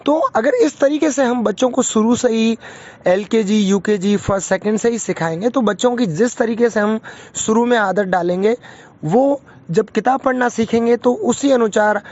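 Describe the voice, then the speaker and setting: A man with a Marwari-influenced Hindi accent, giving an informal spoken lesson, hesitant with fillers and self-corrections, sounding out vowels slowly. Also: high-pitched, darkish tone. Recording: dull lo-fi recording.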